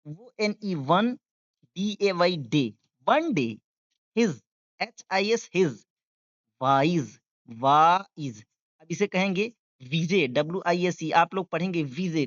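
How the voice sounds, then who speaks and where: A man's voice: high-pitched, sing-song, takes it slowly, dry recording, muffled recording. A man teaching beginners to read, spelling each word letter by letter and translating it with patient, repetitive drilling. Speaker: English reading teacher. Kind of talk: beginner reading lesson.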